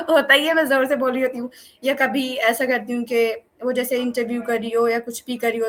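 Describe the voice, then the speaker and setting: Speaking as a student guest on an online interview call from her home, this young Pakistani woman has a slightly high, fairly bright voice picked up by a computer or phone mic. Her talk is loose and playful, peppered with fillers and self-corrections.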